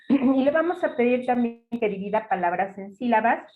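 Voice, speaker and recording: A woman's voice: a little high, expressive, moderate pace, phone-quality sound. A woman with a Mexican Spanish accent giving an academic talk with slides. She explains methodically, step by step, with example words. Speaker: lecturer.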